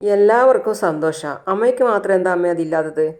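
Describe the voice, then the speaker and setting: Narrator voicing an earnest young daughter. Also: female voice, lowish voice, expressive, a little fast, a little mellow, close to an everyday voice. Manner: earnest, questioning. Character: caring young married daughter.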